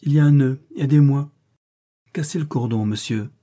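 A man's voice: medium pitch, normal speed, warm tone, voice pushed up, lightly acted. A man reading the part of an earnest, guarded young governess in an audiobook, raising his voice a little for her.

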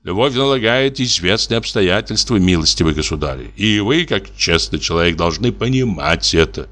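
A man's voice: low-pitched, lively intonation, normal speed, fairly bright tone. A man voicing a wronged middle-aged husband, a notary who speaks in a formal, wounded, pompous way. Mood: stern. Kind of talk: audiobook character reading.

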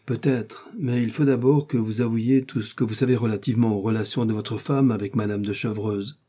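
A man's voice: lowish voice, steady tone, fairly quick, warm tone, natural voice. A man playing a cold, commanding cardinal. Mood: probing. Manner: probing, commanding. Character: cold, powerful male cardinal questioning a prisoner.

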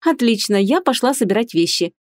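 A woman reading an audiobook, voicing a young woman in love with a high, emotional delivery. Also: very animated, fairly quick, no room sound, studio quality. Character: young woman, anxious then joyful bride.

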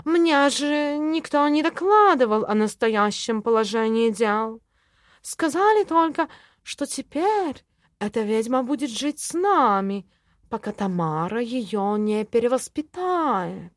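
Woman putting on a high jumpy talking tomcat, suspicious and dramatic, storybook reading. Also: slow pace, dry recording, clean studio sound. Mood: aggrieved. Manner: excitable, theatrical outbursts. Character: fussy suspicious male talking cat. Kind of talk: audiobook character voice.

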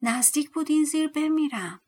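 A woman's voice: fairly high pitch, pushed and bright, breathy edge, full character voice. A woman voicing a wrinkled old male dwarf who cries out and then thanks his rescuer. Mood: crying out. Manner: crying out, grateful.

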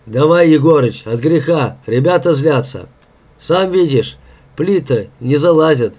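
Man playing a easygoing foreman, friendly banter, lively pitch. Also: measured pace. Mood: soothing. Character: easygoing male young foreman, joking, patient. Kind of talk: audiobook character voice.

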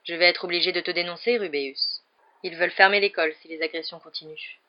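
A woman's voice: fairly low pitch, fairly even intonation, fast, lo-fi sound, natural voice. Tom Riddle, a woman reading as a cold, scheming schoolboy. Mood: coldly menacing. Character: cold, calculating teenage schoolboy.

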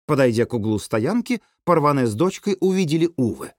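A man narrating an audiobook in an animated storytelling manner. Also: mid-range voice, a little fast, no echo, studio quality. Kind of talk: scripted narration.

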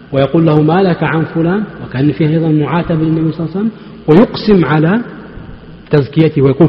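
A man teaching a hadith lesson in a large mosque, with a fairly high-pitched voice. He explains patiently, putting questions to his listeners and then answering them. The sound rings and echoes through the hall on a dull, lo-fi recording. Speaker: Islamic scholar teaching hadith.

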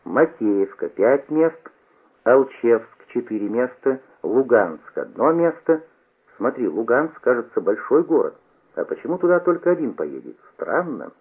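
A man voicing an excitable, boastful teenage boy who shouts eagerly. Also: mid-range voice, a little slow, breathy edge, heavily acted. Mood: excited. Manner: eager, shouting, sing-song. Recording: tinny old radio broadcast.

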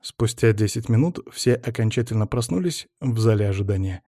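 A man narrating a first-person audiobook story in an even manner. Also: fairly low pitch, brisk, no room sound, clean studio sound.

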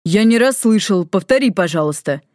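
A woman's voice: medium pitch, lively intonation, moderate pace, darkish tone, no room sound, studio quality, lightly acted. A woman doing a wry teasing male demon.

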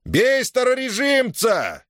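Shouting, menacing drunk bully, voiced by a male reader. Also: mid-range voice, big pitch swings, moderate pace, no room sound, studio quality, pitched above the performer's own voice.

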